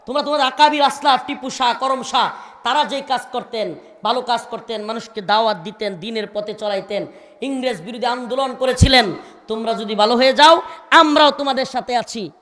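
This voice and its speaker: Bangladeshi Bengali male preacher, high voice, fiery sermon with shouted Arabic chants, long hall echo. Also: fairly quick. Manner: shouting, rising declamations, chanted Arabic verses. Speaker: preacher at a religious gathering.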